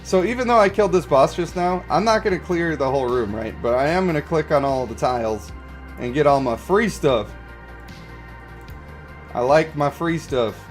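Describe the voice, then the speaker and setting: At a normal speed and fairly high pitch, a man hosting a game livestream chats casually with his audience over background music. He reads their comments, answers them, explains his views and asks whether they agree.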